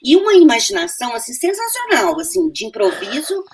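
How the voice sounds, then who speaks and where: Brazilian actress chatting, voice bouncing all over, kinda high, jumps into quoted bits. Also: female voice, fairly quick, over a noisy crowd. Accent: Brazilian Portuguese. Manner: animated, acts out quoted lines, many restarts. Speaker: actress, interview guest. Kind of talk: casual conversational storytelling.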